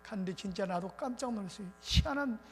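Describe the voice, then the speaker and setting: A male pastor preaching a revival sermon in an animated, colloquial storytelling way. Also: high-pitched, fast talker, husky. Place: church sanctuary. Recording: reverberant church hall with faint noise.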